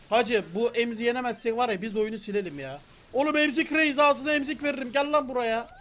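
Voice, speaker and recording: A young man giving loud, slangy, playful gameplay commentary as a gaming channel host, shouting at his teammates. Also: very high-pitched. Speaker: gaming YouTuber.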